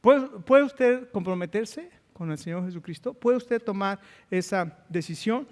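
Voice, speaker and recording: A pastor with a Mexican accent preaching a sermon, impassioned and emphatic. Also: male voice, sits high, expressive, unhurried, big-room sound.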